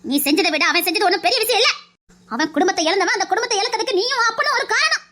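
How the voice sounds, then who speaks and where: A stern, wise grandmother scolds in a firm, moralizing tone with a Tirunelveli Tamil accent, voiced by a woman. The voice sits very high and bright. It is family drama acting. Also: lively intonation, very fast, full character voice.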